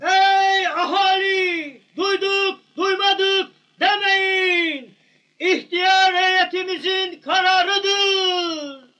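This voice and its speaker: Very high, shouting village town crier. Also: male voice, steady tone, heavily acted. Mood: loud, proclaiming. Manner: shouted, drawn-out announcing. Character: loud village town crier announcing contests. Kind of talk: town crier proclamation in film comedy. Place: outdoors in a village street. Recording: noisy old film soundtrack.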